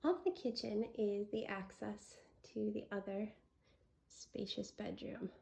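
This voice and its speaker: Gushing woman real estate agent, creaky voice. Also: medium pitch, little pitch movement, measured pace, warm tone. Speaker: real estate agent giving a property tour. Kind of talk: enthusiastic property tour presentation.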